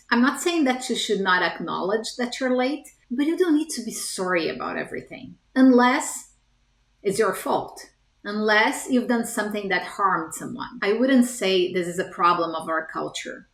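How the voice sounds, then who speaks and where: A woman's voice: mid-range voice, roomy sound. A woman from Brazil with a Brazilian Portuguese accent, a storytelling coach talking earnestly and conversationally to the camera, often asking the viewer direct questions. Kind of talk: scripted talking-to-camera vlog.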